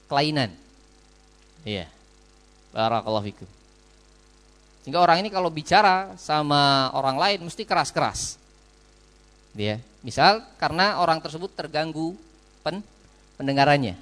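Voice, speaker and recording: A man teaches a mosque study circle. His voice sits a little high for a man, and he keeps dropping a short blessing phrase between his sentences. The sound carries a long echo from the hall. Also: a bit bright. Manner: repeats a blessing phrase between sentences, asks and answers his own questions. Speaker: Islamic teacher.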